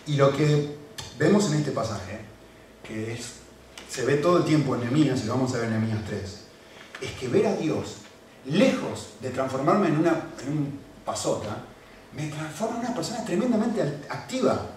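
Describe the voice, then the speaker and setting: A man preaching a sermon in an animated, emphatic way, repeating phrases for emphasis. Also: medium pitch, normal speed. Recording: echoey room from far off, faint background noise.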